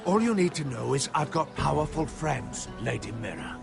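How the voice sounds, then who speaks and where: An actor voicing an angry, threatening lord in a video game, with a gravelly voice. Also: male voice, medium pitch, very animated, moderate pace. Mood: menacing. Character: furious, threatening lord with powerful friends. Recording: music behind the voice.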